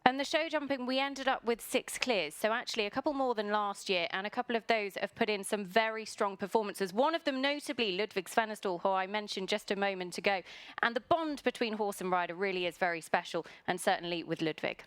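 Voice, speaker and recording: A woman's voice: medium pitch, brisk, smooth, dry recording. Woman presenting live sport.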